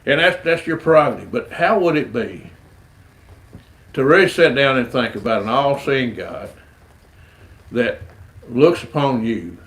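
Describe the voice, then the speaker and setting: A man's voice: mid-range voice, animated, measured pace, long pauses, fairly bright tone, rough recording. Earnest man preaching. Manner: earnest, folksy storytelling with stammered repeats. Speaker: street rodder sharing his faith. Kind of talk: evangelistic testimony.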